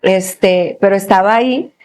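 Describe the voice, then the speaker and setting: A woman gives a personal faith testimony as an interview guest, a lively storyteller who laughs often and fills her talk with little pauses. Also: mid-range voice.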